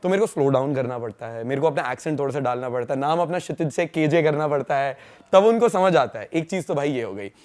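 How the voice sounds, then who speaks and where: A young man from India, a podcast guest, telling stories in a fast, slangy, casual way and laughing along. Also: fairly high pitch, animated, darkish tone. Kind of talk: casual storytelling chat.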